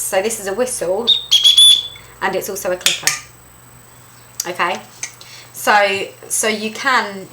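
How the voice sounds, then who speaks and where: A woman teaches dog recall in a bright, clear voice, lively and emphatic. She repeats key points for clarity. A faint hiss of noise sits underneath. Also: poor audio. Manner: lively and emphatic, repeats key points, jumps up high when voicing calls to her dog. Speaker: dog trainer presenting a video lesson. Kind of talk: instructional talk to camera.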